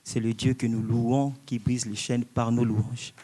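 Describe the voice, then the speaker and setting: A man's voice: medium pitch, little pitch movement, a little slow, very noisy. A young man, a member of a gospel group, earnestly urging listeners to come and worship. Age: young adult. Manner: earnest, preacherly. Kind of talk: exhortation.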